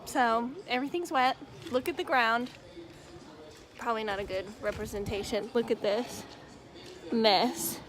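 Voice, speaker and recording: A woman's voice: a little high, measured pace, long pauses, fairly bright tone. A young woman barrel racer talking casually to the camera in a horse trailer, chatty and self-deprecating. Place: horse trailer during heavy rain. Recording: noisy, with rain and outdoor clatter.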